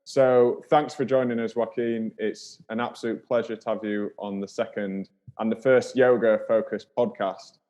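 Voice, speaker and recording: A man's voice: fairly low pitch, steady tone, normal speed, hardly any pauses, darkish tone, dull audio. A man hosting a podcast, talking in a friendly, chatty way and laughing easily. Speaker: podcast host. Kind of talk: casual interview.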